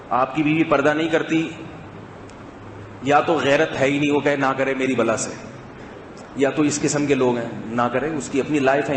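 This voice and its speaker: A man delivering a conversational sermon in a mosque, asking rhetorical questions and swinging between loud stress and hushed asides. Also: a little high. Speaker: preacher. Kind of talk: sermon in Urdu. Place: mosque hall. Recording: echoey mosque hall, faint noise.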